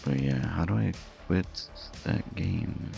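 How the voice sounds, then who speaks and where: A man's voice: low voice, slow pace, gravelly, dark tone, faint music behind. A man streamer chatting casually and rambling while he draws and plays games, chuckling often. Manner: rambling and easygoing, with frequent chuckles.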